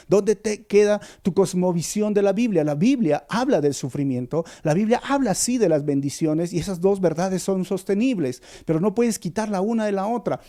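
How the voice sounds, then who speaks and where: A man preaching a devotional sermon to his listeners, impassioned and direct, swinging from loud emphatic peaks to quiet low endings and repeating words for emphasis, with a Peruvian Spanish accent. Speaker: pastor. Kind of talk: devotional Bible study sermon.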